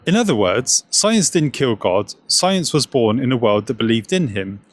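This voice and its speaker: A man's voice: medium pitch, sing-song, moderate pace, no echo. Sarcastic man giving scripted commentary. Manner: sarcastic, jokey.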